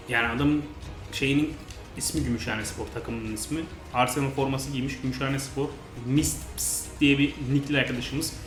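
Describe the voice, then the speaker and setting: A man giving frustrated, grumbling commentary over a football video game, now and then yelling at his players. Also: on the high side. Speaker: gaming channel host. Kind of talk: live commentary over gameplay. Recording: roomy sound with faint noise.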